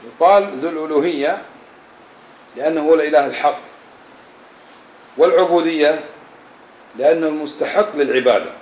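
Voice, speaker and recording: A man teaching a classroom religious lesson, explaining scripture and often checking understanding with quick questions to his students. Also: fairly high pitch, darkish tone, lo-fi sound, a little hiss or hum. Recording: echoey room.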